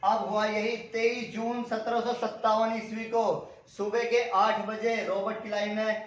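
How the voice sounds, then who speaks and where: Male tutor, high voice, quizzing style; dull lo-fi recording in a boomy room. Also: level tone, a little slow. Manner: asks questions and answers them himself, repeats key names. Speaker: teacher. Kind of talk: exam-prep history lecture. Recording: echoey room, dull lo-fi sound.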